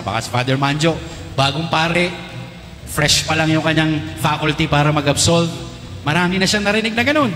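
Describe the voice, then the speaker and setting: Teasing Filipino priest in an echoey church. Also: male voice, on the high side, fairly bright tone. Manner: teasing, quizzes the crowd with rapid questions. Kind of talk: lively homily to a congregation. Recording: echoey church with long reverb, faint music.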